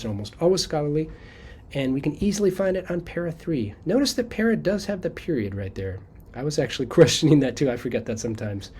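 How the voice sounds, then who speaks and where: Man teaching casually, low mellow voice. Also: a little hiss or hum. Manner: conversational, checks in with frequent "okay?"; thinks aloud with fillers and restarts. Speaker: college writing teacher. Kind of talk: casual screen-share lecture.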